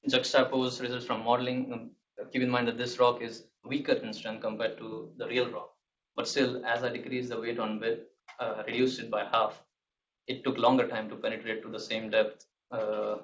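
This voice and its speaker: A young man giving a technical thesis presentation, halting and hesitant, often restarting his words. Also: medium pitch, a bit bright. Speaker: PhD candidate presenting a thesis defense. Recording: muffled, distant mic with background noise.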